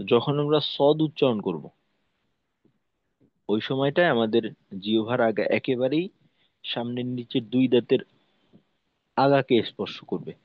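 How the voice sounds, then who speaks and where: A man's voice: medium pitch, no echo, lo-fi sound. A man teaching the pronunciation of Arabic letters in a lesson, patiently repeating his points and demonstrating each sound. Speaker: Quran recitation teacher.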